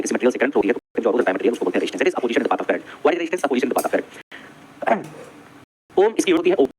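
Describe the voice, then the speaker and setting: A man's voice: fairly high pitch, slight background noise. A male teacher giving an exam-prep lecture on electricity, repeating each definition several times and quizzing his students. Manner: brisk, drilling, addresses students directly.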